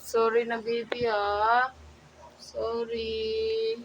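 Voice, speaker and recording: A woman's voice: on the high side, level tone, extremely slow, dull audio, heavy background noise. A woman, a mother chatting casually to her vlog viewers at home, playful and mixing Tagalog with English. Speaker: vlogger and mother.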